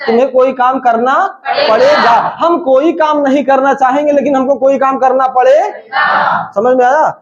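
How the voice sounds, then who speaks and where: A man teaching a spoken English class, shouting drill phrases and joking with his students. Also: extremely high pitch, fairly even intonation, normal speed, muffled recording, a crowd in the background.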